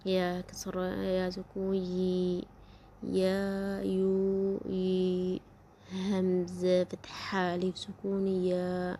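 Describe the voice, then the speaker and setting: Woman, alphabet teacher; slow, flat, even delivery over faint hiss. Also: on the low side. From Oromia, Ethiopia. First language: Afaan Oromo. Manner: slow, drawn-out letter sounds, repetitive drilling. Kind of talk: slow syllable-drill lesson.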